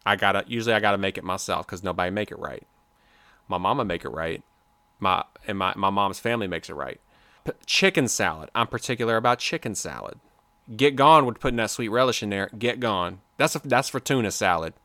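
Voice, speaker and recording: Animated man, bright dry voice. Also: lowish voice, brisk, no echo. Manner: animated, opinionated, playful. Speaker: podcast co-host. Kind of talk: casual chat. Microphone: remote video call.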